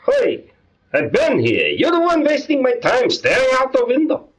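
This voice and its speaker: A man's voice: very high voice, huge pitch swings, moderate pace, pitched above the performer's own voice, full character voice. A man voicing a curt, impatient male dry cleaner who speaks in clipped, broken English. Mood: brusque.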